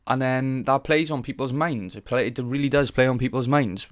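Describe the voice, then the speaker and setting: A young man talks through a casual solo podcast, frank and sweary, circling back on his thoughts with fillers and half-finished starts. His voice is smooth and resonant, sitting in a middle pitch. It is recorded close and dry, with no room sound. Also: moderate pace, dry recording. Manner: frank, rambling, heavy swearing; earnest, thinks aloud with fillers and restarts. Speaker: podcast host.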